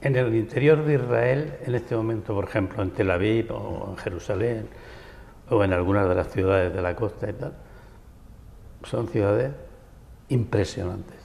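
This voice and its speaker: A writer and architect from Barcelona, Spain, with a Peninsular Spanish accent gives long, winding answers as a guest in a local TV studio interview. His voice sits on the low side at normal speed, creaky and a little mellow, sounding like a large hall with slight background noise.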